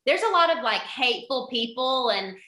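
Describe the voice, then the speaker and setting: A woman's voice: high-pitched, expressive, moderate pace, bright, forceful tone. A young woman co-hosting a podcast, chatting casually with lots of "like" fillers. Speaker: podcast co-host. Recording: echoey room.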